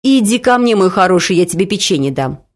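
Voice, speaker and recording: Lady reading a loud fussy granny, huffy and doting, voice jumping up and down. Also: mid-range voice, lively intonation, a little fast, lightly acted. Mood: indignant. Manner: loud, indignant, fussing. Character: doting, touchy grandmother who overfeeds.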